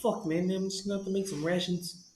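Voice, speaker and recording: A man playing a tabletop role-playing game, joking around, swearing and breaking into loud outbursts. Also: high voice, fairly even intonation, fast talker, heavy background noise. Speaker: player. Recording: roomy echo.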